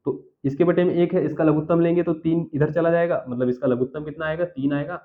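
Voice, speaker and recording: A man's voice: a little high, fairly even intonation, fast talker. A man teaching a school math lesson, working through each step aloud and often checking in with the class. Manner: talks himself through each step, keeps checking "theek hai sir". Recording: tinny phone-like audio.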